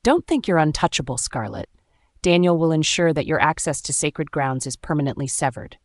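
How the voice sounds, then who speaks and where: A woman's voice: deep voice, animated, brisk, a little mellow, no room sound. Defiant, bitter young she-wolf, storybook read by a woman, dry close sound. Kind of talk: storybook narration.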